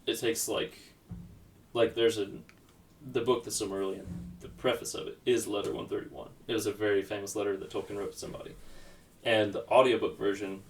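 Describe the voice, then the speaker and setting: A man's voice: on the low side, level tone, a little fast. A man chatting as a podcast guest, enthusiastic and rambling, often searching for the right word. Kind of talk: casual chat. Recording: distant mic, faint background noise.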